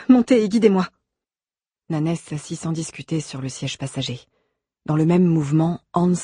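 A man narrating an audiobook in a measured, steady reading. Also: fairly high pitch, husky, no echo, clean studio sound. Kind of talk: scripted narration.

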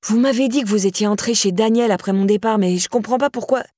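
A woman's voice: mid-range voice, fast talker, warm tone, no echo, clean studio sound, natural voice. A woman reading an audiobook, voicing a panicked young woman trapped on a boat who pleads to be let out. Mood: anxious. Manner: frightened, pleading, then screaming.

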